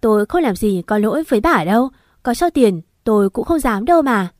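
A woman's voice: on the high side, lively intonation, brisk, darkish tone, dry recording, clean studio sound, natural voice. A woman voicing a cowardly middle-aged husband who begs and makes excuses in an audio story. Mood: pleading. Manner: begging and making excuses.

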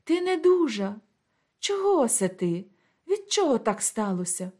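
A woman voicing a brisk, caring young woman friend who fusses over someone ill, in a storybook reading. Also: fairly high pitch, big pitch swings, darkish tone. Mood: concerned.

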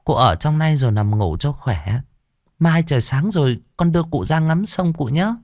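A man voicing Lan, an anxious, doting young granddaughter who coaxes and pleads in a raised falsetto. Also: animated, moderate pace, darkish tone, dry recording, clean studio sound, lightly acted. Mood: coaxing.

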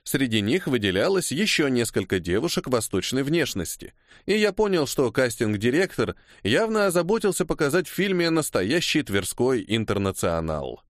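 A man reading a first-person novel aloud as audiobook narration, in an expressive manner. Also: medium pitch, moderate pace, no echo, clean studio sound.

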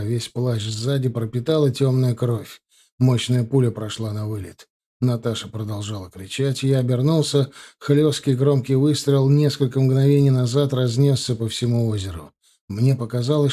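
A man narrating a first-person crime audiobook in a steady, even way. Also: medium pitch.

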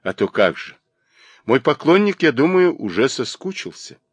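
A man voicing a proud, mocking young woman of the gentry, with quick, sharp, teasing delivery. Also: medium pitch, sing-song, no room sound, voice pushed up.

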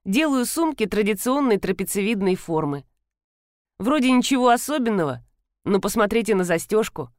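Tired seamstress, matter-of-fact explaining, lively pitch, as a woman reader puts her on. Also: moderate pace, no room sound, studio quality, natural voice.

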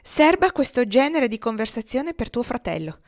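A woman reading the lines of a sharp, dismissive woman in an audiobook. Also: a little high, very animated, normal speed, pitched above the performer's own voice. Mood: tart. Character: elegant, quick-tempered woman.

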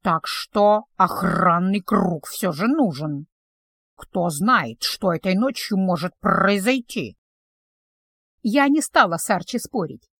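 A woman reading a first-person fantasy audiobook with expressive storytelling. Her pitch rises and falls vividly through each line. The sound is close and completely dry. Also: slow pace, breathy edge, dry recording. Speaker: audiobook narrator.

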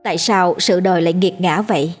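A woman narrating a ghost story in a steady, scripted storytelling manner. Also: on the low side, fairly quick, soft background music.

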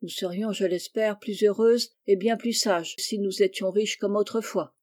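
A woman's voice: medium pitch, steady tone, normal speed, a little mellow, no echo, clean studio sound, lightly acted. A woman voicing a plaintive eldest sister, a young woman, in a storybook reading. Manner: plaintive, sighing.

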